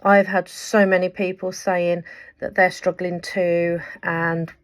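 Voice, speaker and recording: A woman's voice: lowish voice, level tone, slow pace. A woman giving an earnest, impassioned weekly update to her viewers, rambling with fillers as she talks. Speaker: vlogger and writer. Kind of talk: direct-to-camera weekly update.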